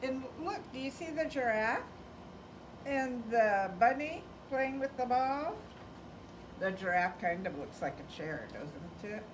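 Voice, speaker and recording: A cheerful woman librarian hosts a children's storytime, singing and reading aloud at a slow, unhurried pace. Her voice rides high and lively. The sound is distant from the mic, with clear background noise. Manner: cheerful, sing-song, addressing children.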